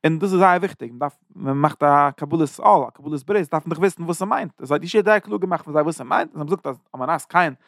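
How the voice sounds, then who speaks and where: Brief: male teacher, rapid run-on explaining, dry close sound. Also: on the high side, fairly bright tone, no room sound. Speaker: Torah teacher. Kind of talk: chapter lesson in Yiddish-flavored German.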